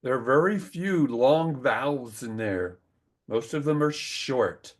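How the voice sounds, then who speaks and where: A man's voice: mid-range voice, expressive, takes it slowly. A man teaching an online English class, patiently explaining vowel sounds and pronunciation rules over a video call.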